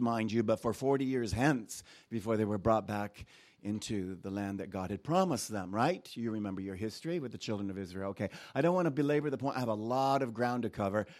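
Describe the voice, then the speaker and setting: In a lowish voice, a man who grew up in Japan guest-preaches, first reading from scripture and then drifting into recollections of his own childhood. He tells it in a lively, chatty way, tossing quick asides and laughter to the congregation.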